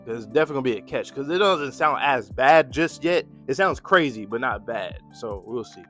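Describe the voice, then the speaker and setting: A man with an American accent giving slangy, laid-back manga reaction commentary. He thinks out loud as he reacts. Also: medium pitch, expressive, a little fast, faint music behind.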